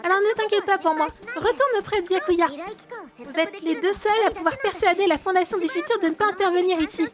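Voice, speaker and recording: A woman's voice: very high-pitched, a little fast, over music. A woman with a French accent voicing a timid but resolute teenage girl, reading game dialogue aloud on stream. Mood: gentle. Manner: sincere, soft-spoken and resolute. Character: timid, earnest teen girl finding her courage.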